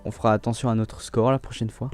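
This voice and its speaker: A young man hosting a let's play, talking casually about his gameplay in a relaxed, chatty way and often restarting his sentences. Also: lowish voice, fast, soft background music.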